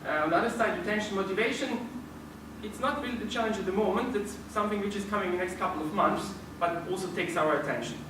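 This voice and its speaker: A fast-talking man with a high-sitting voice gives a group presentation, hesitant and full of restarts. He is heard from a distance in a noisy, echoey room.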